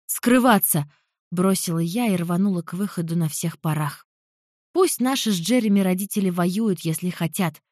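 A young woman narrating a first-person fantasy audiobook in an expressive, emotional reading. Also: lowish voice, no room sound, studio quality.

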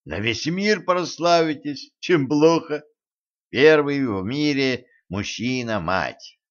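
A man voicing a calm, tactful male doctor who speaks in a slow, measured, hesitant way, in a dull lo-fi recording. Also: medium pitch, pitched above the performer's own voice.

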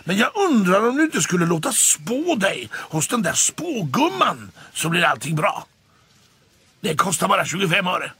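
A man voicing a sly, spiteful male tomcat who taunts and jeers loudly in a children's story. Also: high-pitched, sing-song, slightly rough, dry recording, voice pushed up, full character voice. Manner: taunting, loud and jeering.

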